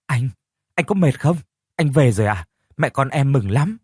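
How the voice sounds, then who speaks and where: A man's voice: mid-range voice, animated, normal speed, darkish tone, slightly rough, no room sound, voice pushed up. A man voicing a young village wife who fusses over her husband and exclaims at his news, in a dry audio storybook recording. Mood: excited. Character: young village wife, anxious then overjoyed.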